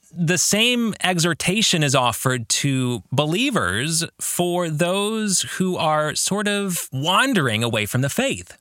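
In a clean, echo-free studio recording, a man with a slightly high, sharp voice hosts a reflective faith book discussion. An earnest podcast host and author leading a study, he poses questions to the listener.

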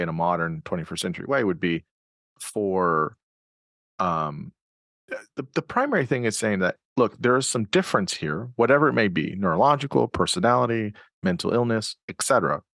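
Gravelly low-voiced male podcast host. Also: expressive, brisk, fairly bright tone, dry recording, clean studio sound. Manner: thinks aloud with many fillers and restarts. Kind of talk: conversational interview.

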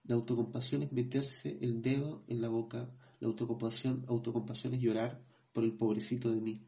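A man co-hosting a podcast, reading passages from a book in a measured way, then hesitating as he comments in his own words. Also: medium pitch, flat delivery, vocal fry, warm tone. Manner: measured reading, hesitant when speaking freely. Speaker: podcast co-host.

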